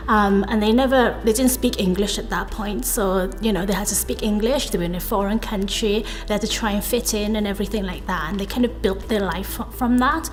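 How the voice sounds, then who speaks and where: Earnest woman with faint music behind. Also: medium pitch. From South Wales. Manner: earnest, hedging with frequent fillers and self-corrections. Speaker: interviewee, data professional. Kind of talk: reflective interview talk.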